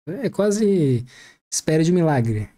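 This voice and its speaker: A man's voice: fairly high pitch, sing-song, slow pace, mellow. A man hosting a reaction video, making jokey, chatty asides about a press conference. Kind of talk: casual joking commentary.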